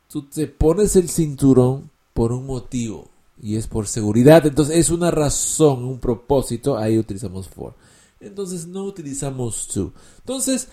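A man's voice: fairly high pitch, mellow. A man giving an English lesson in Spanish, explaining patiently and repeating key words and examples. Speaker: English teacher.

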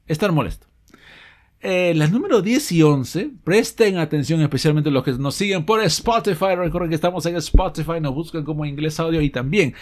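A man's voice: a little high, a little mellow. A man teaching an audio lesson, explaining phrases patiently, checking in with his listeners and correcting his own slips. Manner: reads example sentences and dialogues slowly. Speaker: English teacher.

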